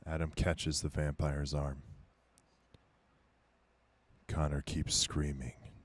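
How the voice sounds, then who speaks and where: A man's voice: a bass voice, flat delivery, slow pace. A man running a tabletop game as game master, narrating a violent scene in grim, dramatic tones. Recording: faint background music.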